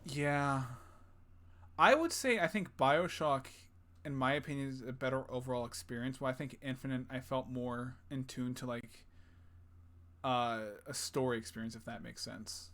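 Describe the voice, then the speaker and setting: A man's voice: mid-range voice, fairly even intonation, moderate pace, fairly bright tone. A young man co-hosting a podcast in casual chat, rambling, swearing casually and laughing often. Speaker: podcast co-host.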